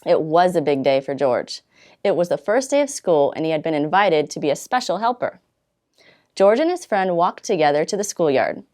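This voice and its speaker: Reading from a children's storybook, this woman volunteers at storytime and speaks in a slightly low voice. Stretched words and dramatic pauses drive the story, and her delivery is highly animated throughout.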